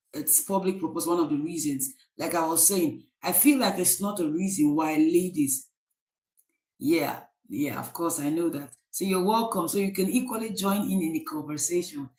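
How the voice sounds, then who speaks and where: Nigerian woman, live-stream host, lowish voice, echoey room, chatty with many ums. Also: a little mellow. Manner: chatty, greets viewers by name, many fillers. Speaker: livestream host. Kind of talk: casual live-stream chat.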